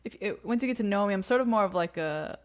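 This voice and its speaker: A woman guest on a video-call livestream, talking casually and straightforwardly with a few halting restarts. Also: medium pitch. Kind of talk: casual chat.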